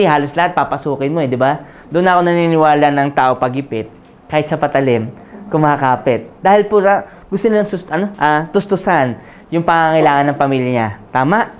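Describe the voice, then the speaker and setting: A man from the Philippines in his forties gives a motivational sales pitch, telling his own story and checking with the audience at every turn. He slips in jokes between points. The recording has a dull, lo-fi sound. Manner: storytelling with jokes, often asks the audience "tama?". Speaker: business presenter. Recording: dull lo-fi audio.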